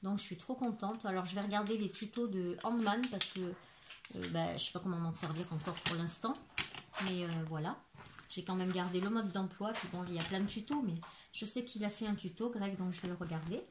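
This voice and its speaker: A woman's voice: medium pitch, a little fast. A woman in her forties from France, chatting casually through a crafting haul with lots of fillers and restarts, recorded at home. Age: 40s. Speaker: crafting YouTuber. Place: home living room. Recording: echoey room with background noise.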